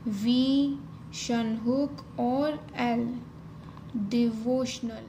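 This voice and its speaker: Lady teaching shorthand, high voice, real slow, faint hiss in the back. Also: mellow. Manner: spells out strokes one by one, mixing Hindi and English. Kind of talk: slow step-by-step tutorial. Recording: faint ambient noise.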